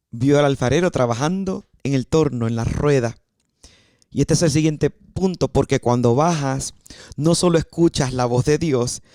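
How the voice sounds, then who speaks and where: A woman's voice: deep voice, dark tone, no room sound. Dry-voiced Puerto Rican woman preaching. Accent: Puerto Rican Spanish. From Puerto Rico. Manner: emphatic, repeats key phrases. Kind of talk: sermon.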